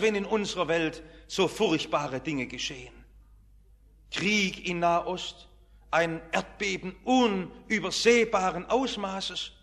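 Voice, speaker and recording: A pastor preaching a harvest festival sermon in a church, dramatic, swinging between soft and loud. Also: male voice, high voice. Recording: long church reverb.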